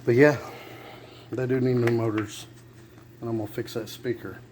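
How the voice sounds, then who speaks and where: A man's voice: mid-range voice, steady tone, moderate pace. A man talking casually and plainly, thinking aloud as he narrates a hands-on repair. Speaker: amateur car repair vlogger. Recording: clear background noise, vehicle ambience.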